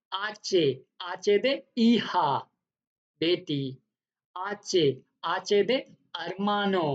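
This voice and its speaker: A woman teaching the alphabet in a language lesson. She speaks slowly and deliberately, spelling words out letter by letter, repeating each one and then giving its meaning. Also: mid-range voice. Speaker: Spanish teacher. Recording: dull lo-fi recording.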